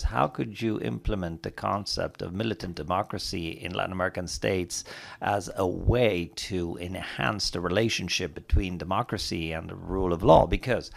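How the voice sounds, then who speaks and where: A man's voice: sits low, gravelly. A young man from Ecuador, politely asking a formal question from the floor into a handheld microphone. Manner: polite, measured. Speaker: audience member asking a question.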